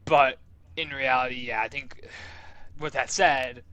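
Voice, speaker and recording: A man's voice: medium pitch, fairly even intonation, a little slow, pushed and bright. A young man co-hosting a sports podcast, joking around in laid-back casual chat. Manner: jokey, laid-back, says dude. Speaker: podcast co-host.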